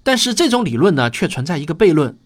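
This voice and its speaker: A man's voice: a little high, very animated, quick pace. A man narrating popular science in a nature documentary style, explaining things like a storyteller from a script. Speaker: host of a popular science audio series.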